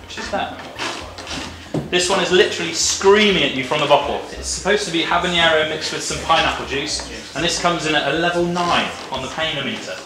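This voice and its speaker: A man's voice: on the high side, brisk, crowd noise. A man hosting a food challenge quiz casually, with jokey teasing banter. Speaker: host of a hot wings quiz challenge. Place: office meeting room, indoors. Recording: echoey room, background music. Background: music.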